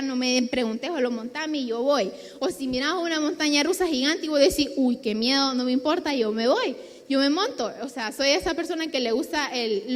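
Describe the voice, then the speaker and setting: A young woman preaching a youth sermon, talking conversationally with personal stories and frequent restarts. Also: high voice. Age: young adult. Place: church hall. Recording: reverberant hall.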